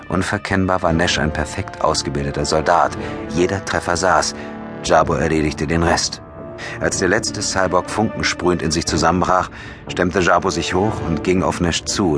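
A man narrating an audiobook in a steady, measured storytelling manner with a husky voice. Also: very deep voice. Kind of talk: scripted narration.

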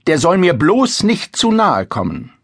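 A man reading a spoiled young princess whose high, husky voice mocks everyone with theatrical scorn. She teases and shrieks in turn, with a dry, close sound. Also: big pitch swings, a little slow, dry recording. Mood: mock shrieking. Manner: sharp-tongued, teasing, theatrical. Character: haughty, mocking young princess. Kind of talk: storybook reading.

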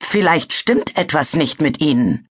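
A woman's voice: sits low, expressive, measured pace, slightly rough, exaggerated voice. A woman voicing a nervous, stammering male dragon in a storybook reading. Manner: stammering, hesitant.

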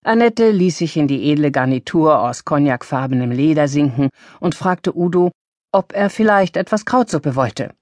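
A woman narrating an audiobook in a clear, expressive reading voice. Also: low voice, normal speed, no echo. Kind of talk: scripted narration.

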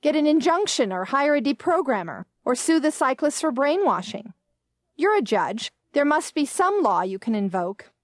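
A woman's voice: sits high, sing-song, moderate pace, no echo, clean studio sound, voice pushed up. A woman doing a scolding, imperious old mother. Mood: demanding. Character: domineering, disapproving older mother.

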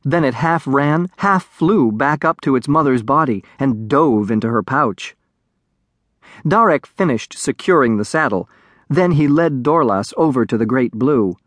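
An expressive male narrator reading a children's story, his pitch rising and falling widely. His voice sits at a middle pitch, and the close studio recording is dry. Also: measured pace, dry recording. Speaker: audiobook narrator. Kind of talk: scripted children's audiobook narration.

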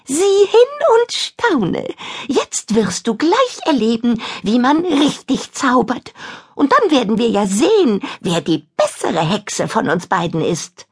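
A woman voicing a mocking, gleeful female witch who sneers at her rival in a high, shrill voice. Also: sing-song, slow pace, breathy edge, full character voice. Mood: gloating.

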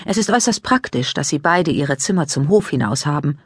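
A woman narrating a children's audiobook in a calm, even storytelling manner. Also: sits low, brisk, slightly rough, dry recording, studio quality.

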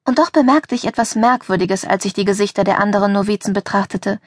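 Young adult female audiobook narrator, mid-pitched, dry close booth sound, lively first-person read. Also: fast talker, dry recording. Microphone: close studio mic.

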